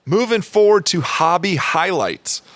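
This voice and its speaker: A man's voice: high-pitched, very animated, unhurried, a bit bright, no echo. A man hosting a podcast in a casual, upbeat, promotional way. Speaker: podcast host. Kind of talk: casual chat.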